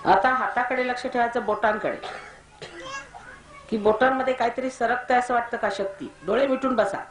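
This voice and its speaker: A woman with a somewhat high, steady voice speaks at a moderate pace, giving a crowd guided meditation instructions. As a spiritual teacher, she is commanding and scolds her listeners firmly. It was recorded in an echoey hall.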